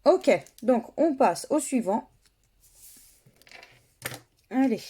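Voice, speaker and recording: A woman giving slow, methodical running commentary as she scratches lottery tickets, spelling out letters one by one. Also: high-pitched, animated, warm tone, breathy edge.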